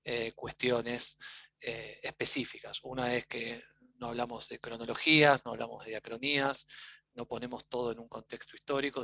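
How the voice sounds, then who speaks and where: A man, a university lecturer coordinating the session, speaking formally and in measured phrases. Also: mid-range voice, creaky, bright, forceful tone, a little hiss or hum. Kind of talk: formal academic closing remarks.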